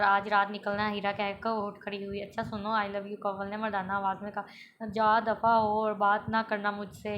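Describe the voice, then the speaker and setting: Woman reading a novel in a flat voice. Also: medium pitch, highs cut off, a little hiss or hum. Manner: reads every character in a mostly plain voice, with small stumbles and restarts. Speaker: novel reader.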